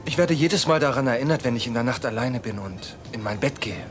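A man dubbing a lovesick soap opera character who pines for his former love, speaking softly and pleadingly, with music underneath. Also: medium pitch, fairly quick, natural voice. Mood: wistful. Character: lovesick man pining for his old flame. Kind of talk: German TV soap dub.

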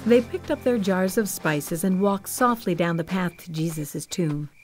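A woman narrating a children's story in a slow, gentle and expressive way. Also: on the low side, faint music behind.

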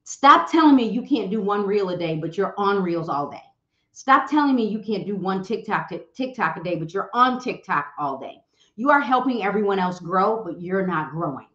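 Direct, animated woman speaker in a roomy space. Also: medium pitch, moderate pace. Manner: animated, direct, teasing, acts out quoted voices. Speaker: real estate broker giving social media advice. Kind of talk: motivational talk to an audience. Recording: roomy, slightly dull sound.

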